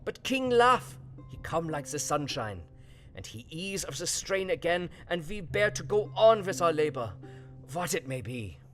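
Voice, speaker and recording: An actor playing a philosophical, grieving older foreign professor in an audio drama, speaking dramatically in broken English. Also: male voice, a little high, big pitch swings, a little slow, fairly bright tone. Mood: earnest, musing. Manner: broken non-native English syntax, dramatic sighing delivery. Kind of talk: theatrical audio drama acting. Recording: music behind the voice.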